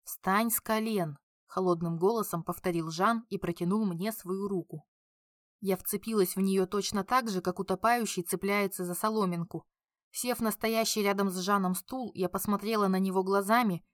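A woman reads a first-person novel aloud in a mid-pitched voice. Her steady narration turns emotional and pleading in the dialogue. The recording is dry and close. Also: normal speed, dry recording. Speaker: audiobook narrator. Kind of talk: first-person audiobook reading.

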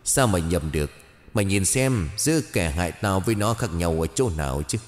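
A man's voice: sits low, expressive, a little fast, big-room sound, faint music behind. A man voicing a vengeful young female ghost who snarls and threatens, in a horror storybook. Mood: enraged.

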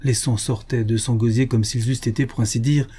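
A man reading a classic novel aloud as an audiobook narrator, with measured, steady storytelling. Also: medium pitch, breathy edge. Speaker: audiobook reader.

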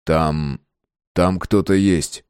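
A man's voice: low-pitched, steady tone, very slow, darkish tone, clear, resonant tone, dry recording. A man reading an audiobook voices a wry, joking young husband close to his own voice. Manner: joking, easygoing. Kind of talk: audiobook character voice.

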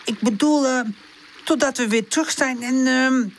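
A woman's voice: high-pitched, normal speed, slight background noise, pitched above the performer's own voice. A woman voicing a young male puppy who acts brave but stammers and hesitates when unsure. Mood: hesitant.

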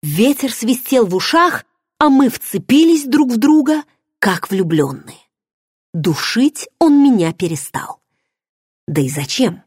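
Expressive woman narrating an audiobook. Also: on the high side, measured pace, husky, no echo, clean studio sound. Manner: expressive, dramatic storytelling. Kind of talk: first-person audiobook narration.

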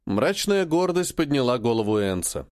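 A man narrating a science fiction audiobook in an expressive, dramatic way. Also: medium pitch, normal speed.

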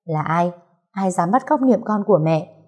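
A woman voicing a frantic, emotional young mother in a storybook reading, loud, scolding and tearful. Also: lowish voice, lively intonation, normal speed, breathy edge.

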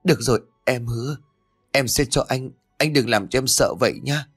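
A man's voice: medium pitch, normal speed, fairly bright tone, husky, faint music behind. A man doing a naive defiant young woman. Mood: pleading. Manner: pleading, then crying out defiantly.

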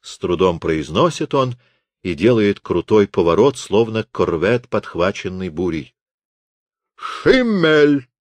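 Brief: a low-voiced male audiobook narrator, dry studio sound. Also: animated, a little slow, dry recording. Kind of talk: scripted narration.

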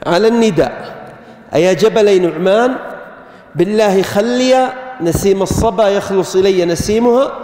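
A man's voice: sits high, a little mellow. A man teaches a grammar class, walking through each point and putting questions to his students. His voice rings out in a big echoey hall with a long reverb tail. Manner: explains step by step, quizzing the students. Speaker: grammar lecturer. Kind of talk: classroom lecture.

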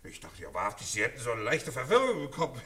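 An actor in a 1940s radio drama playing a condescending, jovial old colonel who laughs loudly and talks down to others. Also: male voice, huge pitch swings, fast, breathy edge, heavily acted. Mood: mocking mirth. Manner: booming guffaws, patronizing.

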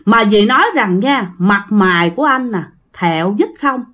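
Speaking straight to her listeners, a woman with a Southern Vietnamese accent tells a ghost story in a chatty way. Her medium-pitched voice is animated and a bit bright, moving at a moderate pace.

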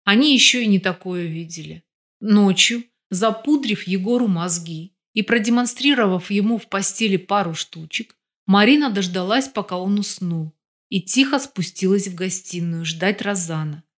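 A woman's voice: mid-range voice, moderate pace. Woman narrating an audiobook. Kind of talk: scripted narration.

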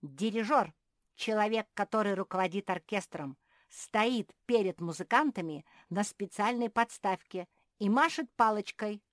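A woman's voice: medium pitch, lively intonation, a little slow, dry recording, clean studio sound, voice pushed up, lightly acted. Fields: Figure: woman doing a patient wise owl. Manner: patient, explaining, sighing. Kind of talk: storybook reading.

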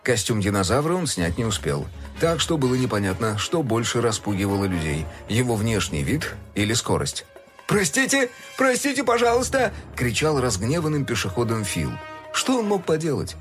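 Animated male storybook narrator. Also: lowish voice, moderate pace. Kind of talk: storybook reading for children. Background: faint music.

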